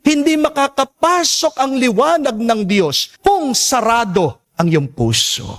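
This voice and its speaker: A man's voice: very high-pitched, very animated, unhurried, fairly bright tone. A man, a priest delivering a sermon and calling on the congregation for responses.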